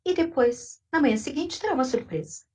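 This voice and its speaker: A woman voicing a patient good fairy who calmly reassures an old woman in a told story. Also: high voice, a little fast, distant mic, voice pushed up. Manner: patient, soothing.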